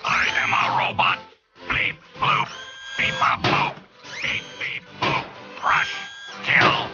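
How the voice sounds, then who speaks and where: A man's voice: slow pace, highs cut off, over loud music, natural voice. A man putting on a whispery beeping robot. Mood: robotic.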